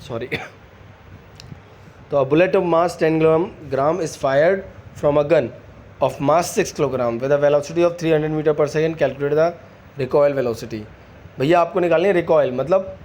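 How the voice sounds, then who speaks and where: A man teaching a physics class in a slightly higher voice. He mixes Hindi with English and keeps stopping to ask his students if they've got it. A soft background hum sits under his voice. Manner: asks students quick check questions, calls them beta. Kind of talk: online physics lesson.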